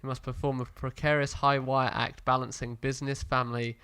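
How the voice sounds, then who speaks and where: A man's voice: medium pitch, level tone, brisk, bright, forceful tone, slight background noise. A man co-hosting a film podcast, chatting casually and rambling with lots of fillers. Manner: rambling, hesitant, full of fillers. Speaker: podcast co-host. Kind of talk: casual chat.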